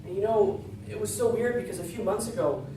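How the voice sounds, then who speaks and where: A man's voice: high-pitched, lively intonation, fairly quick. A man telling a comic, folksy tall tale live, with dramatic storytelling and acted-out dialogue. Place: large echoey room, live before an audience. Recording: distant, very echoey live room, background noise.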